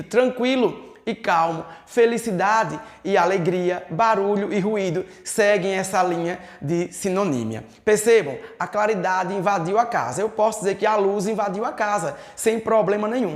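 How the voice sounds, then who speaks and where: A Brazilian man teaching a recorded exam-prep lesson, who poses questions to himself and then answers them. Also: high-pitched. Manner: didactic, asks and answers his own questions. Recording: echoey room.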